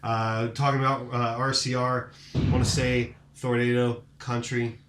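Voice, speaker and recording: A man of ordinary pitch hosts a casual podcast, recapping results with rambling enthusiasm. His voice bounces around a roomy, echoing space. Fillers and restarts run through his talk. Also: monotone, unhurried, heavy background noise. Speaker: podcast host.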